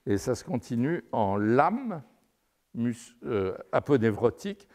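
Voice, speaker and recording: A man's voice: medium pitch, sing-song, slow pace, darkish tone. An older man giving a live anatomy lecture while drawing at a chalkboard, digressive and wry, often checking in with his audience. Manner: digressive and wry, peppered with "n'est-ce pas".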